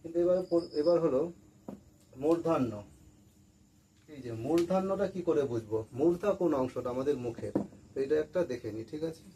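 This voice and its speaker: A man's voice: on the high side, brisk, pauses often. A man teaching a lesson to school students, patiently repeating words and asking questions he then answers himself. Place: room with a board. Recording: faint background noise.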